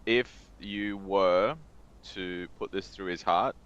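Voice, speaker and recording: A man's voice: low-pitched, steady tone, slow pace, a bit bright, clean tone, muffled recording. A man playing a tabletop game, explaining in an offhand, matter-of-fact way. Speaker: player. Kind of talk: casual tabletop play.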